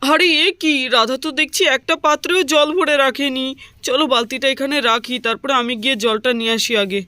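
A woman's voice: sits high, a little fast, bright, forceful tone, no echo. A woman voicing a fussy young village husband in a doll story, chattering to himself and complaining. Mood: grumbling.

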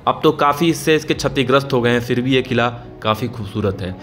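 Young male vlog narrator, relaxed history voice-over, soft music bed. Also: medium pitch, quick pace. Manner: informal storytelling, addresses viewers as friends. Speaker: vlogger narrating.

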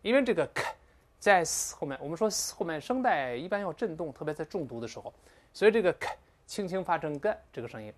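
A man teaching English vocabulary in a lecture, speaking with animated interjections and slow, drawn-out pronunciation drills. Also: a little high.

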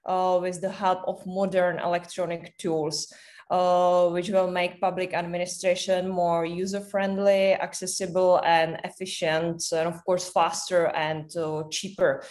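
A young adult woman from the Czech Republic with a Czech accent, giving a webinar presentation on a video call and pausing often with fillers. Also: fairly low pitch, flat delivery, darkish tone. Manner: hesitant, many "uh" fillers. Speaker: think tank director presenting. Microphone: webcam on a video call.

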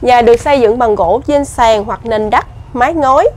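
A woman's voice: on the high side, darkish tone. Chatty woman vlogging. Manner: chatty, asks questions, reads signs aloud slowly. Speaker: vlog host. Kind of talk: casual travel vlog chat. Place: outdoors at a heritage site.

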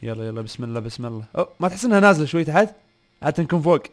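Rapid-fire young gamer host. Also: male voice, fairly high pitch, expressive. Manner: rapid, repeats short words in bursts. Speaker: gaming channel host. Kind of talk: excited gameplay commentary.

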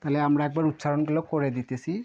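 Guy teaching kanji, kinda high but mellow voice, repeats everything, dull lo-fi audio. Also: level tone. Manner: repeats words slowly, spells out syllables, often says sorry. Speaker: Japanese teacher. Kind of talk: kanji lesson while writing on a board. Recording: dull lo-fi sound.

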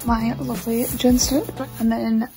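A woman's voice: fairly high pitch, little pitch movement, a little slow, low-quality recording. Chatty woman vlogging at a stable. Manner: chatty, apologetic, talking to camera. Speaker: horse-riding vlogger. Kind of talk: casual vlog chat. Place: stable yard and outdoor riding arena. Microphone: camera on a tripod, sometimes far off. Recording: clear background music over the voice.

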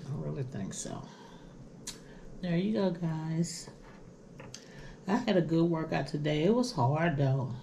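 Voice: medium pitch, slow pace, vocal fry, pauses often, slight background noise. A mukbang vlogger chatting casually to viewers while chewing food. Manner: chatty, relaxed, addresses viewers directly.

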